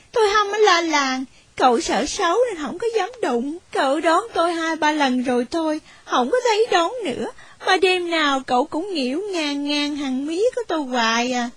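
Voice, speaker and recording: A woman's voice: high-pitched, no room sound. A woman voicing a poor, wronged young orphan woman who tells her story tearfully, in a storybook reading.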